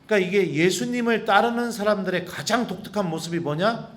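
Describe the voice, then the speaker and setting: High-voiced priest telling stories. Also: male voice, a little fast. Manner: animated, chuckling storyteller. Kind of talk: retreat lecture, personal storytelling. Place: retreat talk before a group.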